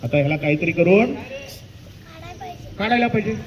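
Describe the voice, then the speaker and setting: A man voicing a worried middle-aged farmer who owns a donkey, in a lower, heavier voice than his narration. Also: animated, normal speed, distant mic, dull audio. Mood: dismayed.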